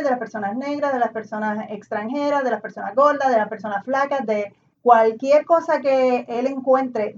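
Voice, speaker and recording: A woman with a Puerto Rican Spanish accent, co-hosting a casual conversation, outspoken and opinionated. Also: on the high side. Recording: dull audio from a distance with faint noise.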